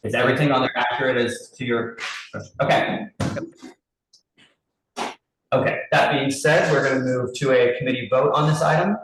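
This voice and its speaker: A distant mic in a very roomy, echoey space captures a man chairing a public committee meeting, heard over a group video call with faint noise beneath. Speaking at an ordinary middle pitch with fairly even intonation, he briskly reads license terms and runs a vote, making small restarts as he works through lists.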